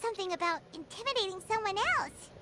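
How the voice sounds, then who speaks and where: A woman voicing a small, childlike, excitable fairy companion in a video game, squeaky and emphatic, with loud noise on the audio. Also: fast. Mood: puzzling it out. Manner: refers to self in third person, squeaky and emphatic.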